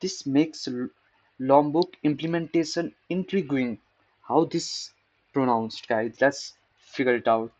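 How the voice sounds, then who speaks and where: A man's voice: mid-range voice, takes it slowly, darkish tone, dull audio. A man talking casually through a programming article, rambling, making fun of himself and repeating words to practice saying them. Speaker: programmer reading a tech post. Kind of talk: casual screen-recorded coding talk.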